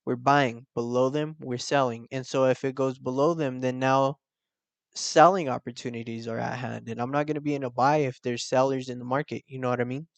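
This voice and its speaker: A man's voice: medium pitch, dry recording. A young man hosting a casual trading tutorial, explaining step by step with slangy asides and check-ins. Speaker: forex trading channel host.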